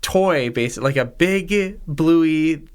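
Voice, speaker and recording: A man's voice: a little high, animated, slow, smooth. A man hosting a casual podcast chat, joking and riffing on words. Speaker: podcast host.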